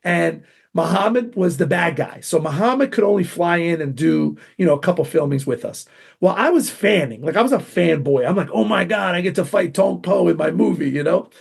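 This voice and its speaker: A middle-aged man, a martial arts grandmaster, telling animated stories in an interview, acting out quotes with sudden jumps in pitch. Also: a little fast, gravelly, slightly rough. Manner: excitable, acts out quotes with big pitch jumps.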